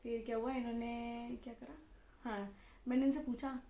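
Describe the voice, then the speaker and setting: A young woman casually telling the story of how she met her husband, in a lively conversational way. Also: a little high, normal speed. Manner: chatty, animated, acts out dialogue in quotes. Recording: roomy echo with faint background noise.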